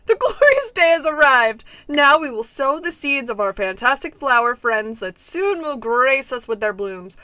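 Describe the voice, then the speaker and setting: A woman voicing an excitable, melodramatic male gardener from a video game in a gushing manner. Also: medium pitch, a little fast, few pauses, no room sound, voice pushed down. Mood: ecstatic.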